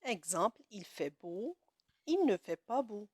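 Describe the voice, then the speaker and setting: A woman teaching a grammar lesson to children, speaking slowly and deliberately, stretching key words and praising often. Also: medium pitch, sing-song, darkish tone, slightly rough, no room sound, clean studio sound.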